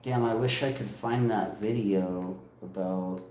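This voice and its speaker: Brief: a man streamer talking loudly and insistently in slangy speech, from an echoey room, with a warm, dark voice. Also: lowish voice, measured pace, slight background noise. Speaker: livestream host. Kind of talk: casual livestream talk to viewers.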